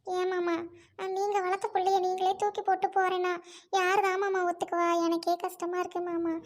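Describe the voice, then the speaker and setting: A woman's voice: very high-pitched, monotone, moderate pace, a little hiss or hum. A woman playing a devoted young woman begging her uncle not to leave home, in a family web drama. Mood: pleading. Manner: pleading, tearful tone.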